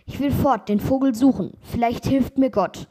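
A woman's voice: sits high, moderate pace, warm tone, husky, voice pushed up. A woman voicing an earnest young journeyman in a read-aloud fairy tale, calling out heartily.

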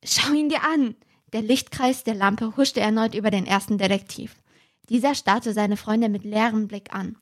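A woman podcast host narrating a detective story aloud in a brisk, animated way. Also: mid-range voice.

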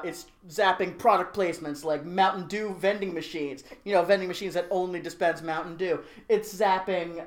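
A woman co-hosting a podcast, casually recapping a movie with jokes and lots of fillers. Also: fairly low pitch. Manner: rambling, joking, trails off with fillers. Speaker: podcast co-host.

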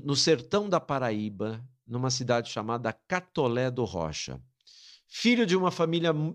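A middle-aged man from Brazil, interviewed as a guest, tells a painful family story with earnest, dramatic emotion. His pitch moves widely and expressively as he speaks, sitting at an ordinary middle height. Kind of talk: personal storytelling.

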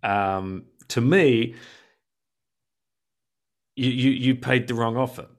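A man hosting a podcast, chatting casually in a lively, blunt way with some swearing. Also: mid-range voice, slow pace. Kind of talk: casual chat.

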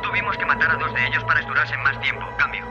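A man's voice: on the high side, fast talker. An actor playing a male prisoner-transport pilot who talks to the tower over a cockpit headset radio, in clipped, formal radio procedure. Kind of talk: dubbed sci-fi film dialogue. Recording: muffled film clip under loud music.

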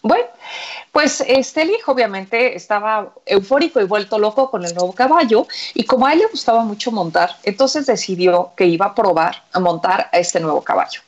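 A woman's voice: mid-range voice, expressive, normal speed, lo-fi sound. A woman, chatting and telling a story as a show co-host, with many fillers. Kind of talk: conversational storytelling.

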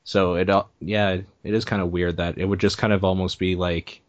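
A man hosting a casual podcast, talking in a relaxed, rambling way full of hedges. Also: low voice, brisk, no room sound, muffled recording. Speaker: podcast host.

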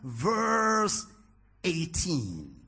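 A Nigerian man preaches in a church, with a high, bright voice full of gravel and grain. He draws out his words slowly, quizzes the congregation with playful questions, then climbs to ringing shouts. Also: wildly swooping pitch. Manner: teasing questions to the congregation, rising into shouted climaxes. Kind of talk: sermon. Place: church hall, large, indoors.

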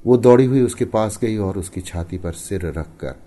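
Deep, husky male storyteller. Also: normal speed. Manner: expressive, with emphatic rises and hushed falls. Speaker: narrator. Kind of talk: dramatic audiobook storytelling.

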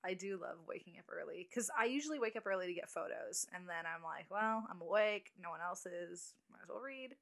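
A woman's voice: fairly low pitch, lively intonation, gravelly, a bit bright. A woman in her late twenties, a guest on a podcast, chatting casually and restarting her sentences often. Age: 20s. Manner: chatty, halting with restarts and little laughs. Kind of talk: casual chat.

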